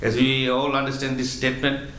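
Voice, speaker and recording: Measured male spiritual lecturer, echoey room. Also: mid-range voice, completely flat delivery, a bit bright. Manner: measured, explanatory, repeats words. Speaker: spiritual teacher. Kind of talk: religious lecture.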